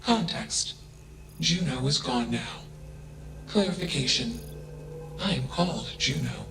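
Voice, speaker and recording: A flat, emotionless AI. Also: male voice, medium pitch, slow, creaky. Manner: flat, clipped statements, each opened by a one-word tag. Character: flat emotionless self-aware AI who insists it is a person. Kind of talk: video game dialogue. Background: game music.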